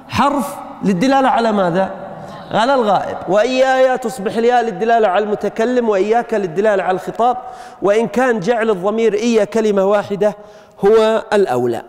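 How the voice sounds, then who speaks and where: A high-pitched man teaches grammar to a roomful of students. He often stops to put questions to them. His voice rings out with a long reverb, as in a large lecture hall. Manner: asks the class rhetorical questions, frequent "ha" prompts.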